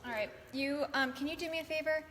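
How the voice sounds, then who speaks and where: An easygoing woman morning host, her voice sitting a little high for a woman. She chats casually and organizes her crew. A long echo trails her words, with steady room noise from the large newsroom behind her. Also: fast talker. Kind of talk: casual off-air chat. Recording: reverberant newsroom with background noise.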